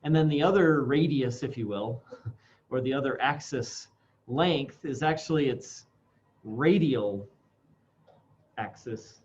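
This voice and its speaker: Male instructor, muffled through a face mask; halting, informal classroom demo delivery, dull recording with faint noise. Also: mid-range voice, a little mellow. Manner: halting, thinking aloud. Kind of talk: informal classroom software demonstration.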